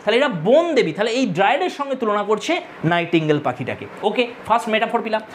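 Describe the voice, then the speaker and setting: A woman's voice: medium pitch, big pitch swings, very fast, a little hiss or hum. A woman teacher explaining a poem line by line, addressing her students directly and repeating key terms. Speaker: English literature teacher.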